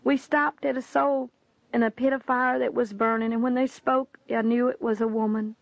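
Gravelly woman reading an earnest testimony. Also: a little high, fairly even intonation, normal speed, no room sound. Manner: earnest, preachy, addresses the listener as "my friend". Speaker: reader of a religious testimony. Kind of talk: reading a religious book aloud. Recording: dull, dry lo-fi recording.

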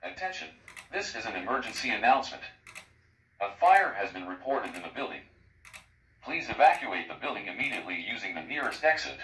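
A man reading a formal emergency evacuation message in a calm, measured way, played back through fire alarm loudspeakers. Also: mid-range voice. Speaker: recorded emergency announcer. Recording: echoey, distant loudspeaker with loud noise.

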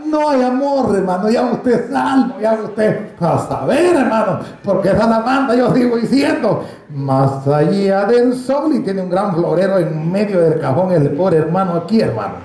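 High-voiced joking preacher, echoey church. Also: male voice, lively intonation, moderate pace, hardly any pauses, darkish tone. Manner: jokey, storytelling preacher, addresses congregation as brother. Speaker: pastor. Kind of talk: preaching a sermon.

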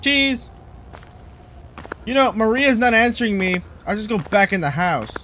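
A man's voice: high-pitched, animated, fairly quick, fairly bright tone, a little hiss or hum, low-quality recording. Goofy young man playing a horror game. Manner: goofy, jokey running commentary. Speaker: gaming channel host. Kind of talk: horror game let's play commentary.

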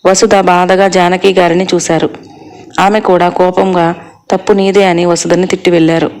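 A steady storyteller narrating a scripted tale. The voice sits in a middling register and stays very flat, with the pitch barely moving from line to line.

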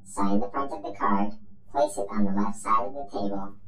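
A man's voice: fairly low pitch, monotone, moderate pace, bright, forceful tone. A man voicing a cheerful male robot magician who presents tricks with upbeat showman patter. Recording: roomy echo with faint music.

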